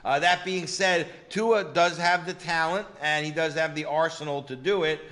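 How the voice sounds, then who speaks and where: A man's voice: a little high, fairly even intonation, moderate pace, fairly bright tone. A man co-hosting a sports betting chat, confident, with lots of "you know" fillers and punchy catchphrases. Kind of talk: casual betting-picks chat.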